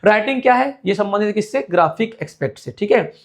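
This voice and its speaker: High-voiced man teaching exam prep. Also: expressive, fast talker. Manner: keeps asking and answering his own questions, repeating each point.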